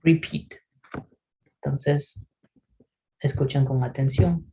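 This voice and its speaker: Slow, gravelly male English teacher. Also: on the high side, steady tone, mellow, a little hiss or hum, low-quality recording. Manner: patient, checks in often with a questioning "¿sí?"; models English words slowly for repetition. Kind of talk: recorded online pronunciation lesson.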